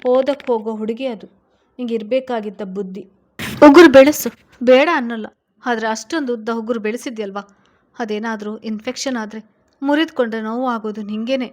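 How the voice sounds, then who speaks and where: A woman's voice: on the high side, close to an everyday voice. A woman reading a storybook and voicing a young student wife who pleads with her cold husband, hurt and close to tears.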